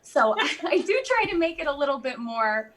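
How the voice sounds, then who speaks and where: A woman guest in casual conversation, chatty and quick to laugh, with lots of fillers. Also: high-pitched, big pitch swings, fairly bright tone. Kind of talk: casual chat.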